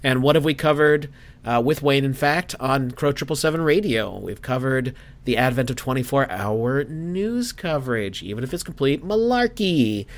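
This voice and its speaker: A man's voice: mid-range voice, expressive, normal speed. Conversational male live-stream host. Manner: conversational, reads super chats. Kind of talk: casual live-stream discussion.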